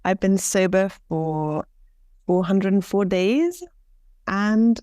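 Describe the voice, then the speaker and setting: A woman's voice: mid-range voice, slow pace, warm tone, clear, resonant tone, dry recording, clean studio sound. A woman from England, a podcast guest introducing herself in a cheerful, slightly hesitant way. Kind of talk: casual self-introduction.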